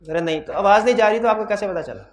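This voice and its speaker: A man teaching law in a hybrid classroom. He has a sore throat, speaks loudly into a microphone, and keeps putting questions to his students. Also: sits high, very fast. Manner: quizzes students with repeated questions. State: throat trouble, talking loudly. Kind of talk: classroom lecture.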